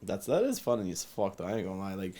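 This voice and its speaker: A man's voice: deep voice, sing-song, fast talker, dark tone. A man reacting in casual podcast chat, laid-back and easygoing. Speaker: podcast co-host.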